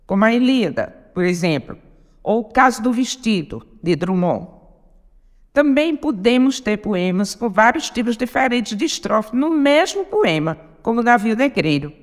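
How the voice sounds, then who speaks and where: Woman, podcast lesson, deliberate, patient, counts syllables aloud, reverberant hall sound. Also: medium pitch. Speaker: podcast host teaching poetry. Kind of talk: slow spoken lesson.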